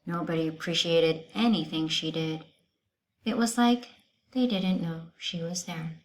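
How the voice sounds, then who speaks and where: A woman with a fairly low voice reads a children's story aloud expressively, stopping now and then to ask her listeners questions.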